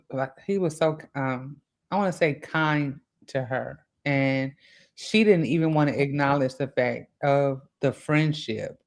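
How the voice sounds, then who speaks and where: A woman hosting a casual book chat over a video call, talking in an animated, emphatic way and laughing often. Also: low-pitched. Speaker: podcast host.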